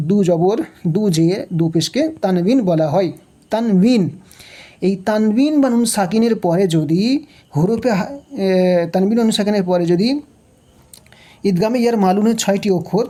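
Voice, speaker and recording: A woman teaching tajweed, slowly spelling out letters and vowel marks, asking the learner questions and drilling each rule with patient repetition. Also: medium pitch, warm tone. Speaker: Quran recitation teacher. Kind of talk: tajweed lesson, spelling out and reciting verses. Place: home recording, unseen.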